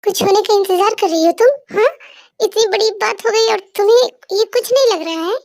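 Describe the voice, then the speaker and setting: A woman's voice: very high-pitched, a little fast, a little mellow, faint music behind. A woman voicing a strict, protective older brother who scolds his sister, in an amateur audio drama dub. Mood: scolding.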